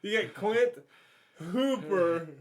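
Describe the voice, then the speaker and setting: A man's voice: high voice, slow pace. A drunk man chatting casually as a movie review co-host, rambling, swearing and repeating himself as he loses his thread. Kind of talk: casual chat.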